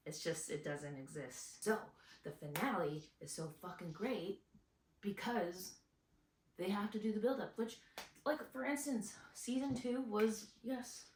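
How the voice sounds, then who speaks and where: Casting note: young woman vlogger, lowish voice, talks loose and emotional, a little off-mic. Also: recorded from a distance. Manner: rambling, emotional, swears casually. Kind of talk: casual chat to camera. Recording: echoey room, away from mic.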